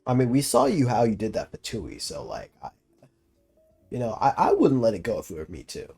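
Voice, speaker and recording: Reacting to a game as a streamer, a young man offers casual, amused commentary loaded with slang and swearing while faint game music plays. His medium-pitched voice swoops wildly, moving fairly quickly with a creaky, warm, slightly rough tone.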